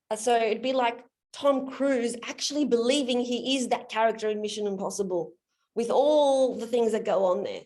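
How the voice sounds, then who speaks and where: Her voice is a little high with a darkish tone as she guides a man through his limiting beliefs during a live online coaching session. She explains things in a friendly way over the video call.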